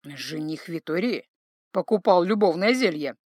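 Woman reader as conniving fake veteran, low mock-sorrowful sighs, dry read. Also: lively intonation, a little slow, a little mellow, no echo. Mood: mock-tragic. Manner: sighing, mock-tragic, sanctimonious. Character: scheming sly middle-aged man, posing as veteran.

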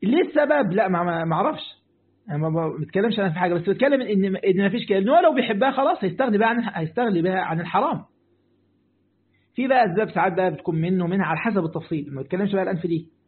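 Man, Egyptian Arabic accent, sheikh teaching a religious lesson, quick talker, repeats himself, tinny phone-like sound. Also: sits high, animated. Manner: talks to listeners directly, repeats points, answers questions. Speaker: sheikh teaching Quran commentary.

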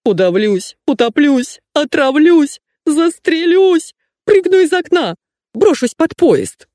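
A woman's voice: high-pitched, sing-song, takes it slowly, dark tone, dry recording, clean studio sound, voice pushed up, heavily acted. A woman reading an audiobook and voicing a hysterical, melodramatic young male stylist who shrieks theatrically. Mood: melodramatic shrieking.

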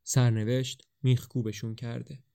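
Male podcast storyteller, steady colloquial narration, middle pitch. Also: vocal fry. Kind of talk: narrating a play in casual spoken Persian.

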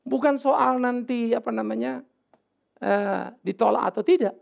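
A male pastor preaching a sermon in a casual, animated way, with sudden loud outbursts and English words mixed in. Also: very high-pitched, unhurried, vocal fry. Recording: dull lo-fi sermon recording.

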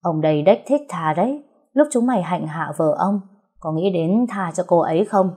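A woman's voice: fairly low pitch, lively intonation, normal speed, warm tone, slightly rough. A woman voicing a cocky young nobleman who speaks with coarse contempt. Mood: contemptuous.

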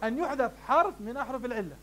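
Animated and rapid-fire, a man speaks in a very high-pitched voice over a faint hiss or hum. He is a sheikh teaching Arabic morphology in a classroom, posing questions he then answers while warmly calling his students "beloved ones."

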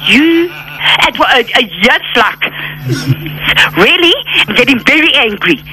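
A woman's voice: high voice, expressive, slow pace, bright, forceful tone. A woman on a radio phone call, arguing indignantly, repeating herself and swearing. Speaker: prank call target.

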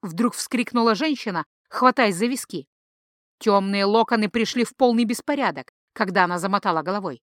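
A woman narrating a fantasy audiobook in an even, measured storytelling voice. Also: medium pitch, dry recording, studio quality.

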